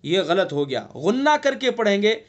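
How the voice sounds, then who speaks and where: A male recitation teacher giving an online lesson, explaining patiently and breaking into long drawn-out chanted recitation. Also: high-pitched, very animated, muffled recording. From India.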